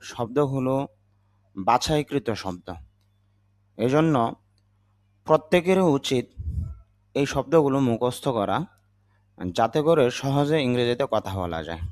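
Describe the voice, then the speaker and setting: A man's voice: mid-range voice, lively intonation, a little slow, pauses often, darkish tone, no echo. A man, teaching English words and patiently repeating each one with its meaning. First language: Bengali. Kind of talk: vocabulary lesson.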